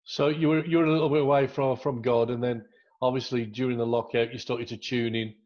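Middle-aged pastor on a video call, encouraging, kinda flat delivery, dull muffled audio. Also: male voice, medium pitch, brisk. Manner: affirming and encouraging. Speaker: pastor and host. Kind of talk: church interview on a video call. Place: room at home, indoors. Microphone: earphone headset on a video call.

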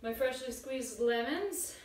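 Young woman, cooking tutorial host, higher voice, chatty and upbeat, roomy kitchen, mic a few feet away. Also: animated, slow pace, a little mellow, slight background noise. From Washington State. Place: small home kitchen, indoors. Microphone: camera mic at a distance. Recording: echoey kitchen, distant camera mic.

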